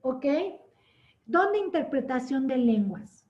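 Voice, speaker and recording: A woman teaching a church Bible class. She keeps checking in with her listeners and tells stories with lively acted-out quotes. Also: high-pitched, takes it slowly. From Latin America. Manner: asks "¿sí?" to check understanding. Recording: dull lo-fi sound.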